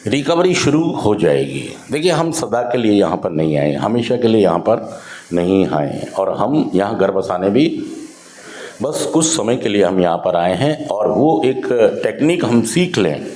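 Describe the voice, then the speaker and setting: A man's voice: lowish voice, a little slow, echoey room. A man, an addiction counselor, giving a motivational talk to rehab residents and firing rhetorical questions at them. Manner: animated, rhetorical questions to the audience. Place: drug rehab center.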